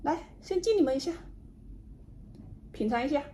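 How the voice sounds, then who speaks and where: A woman with a fairly high voice talks casually to viewers over her meal and drink. She muses without hurry and drops into murmured asides. There is clear background noise around her voice. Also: expressive, moderate pace, warm tone. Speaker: vlogger doing an eating and drinking livestream. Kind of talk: casual chat to camera while eating and drinking. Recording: noticeable background noise, home ambience.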